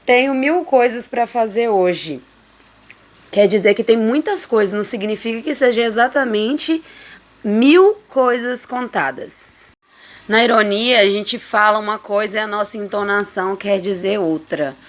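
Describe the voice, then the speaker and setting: A woman's voice: mid-range voice, normal speed. A woman teacher explaining a lesson, reading out examples and often checking with the listener. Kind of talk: explaining figures of speech in a lesson.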